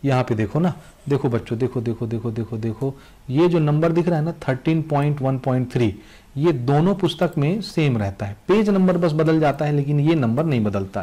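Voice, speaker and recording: A man's voice: mid-range voice, mellow. A young man with a Chhattisgarhi Hindi accent teaching students, repeating instructions over and over and urging them to cross out topics. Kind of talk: classroom lesson addressed to students.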